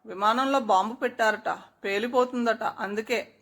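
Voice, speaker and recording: A woman's voice: on the high side, fairly even intonation, fairly bright tone. A woman voicing a panicked, impatient male flight crewman who talks breathlessly and in a hurry. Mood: urgent. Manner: breathless, hurried.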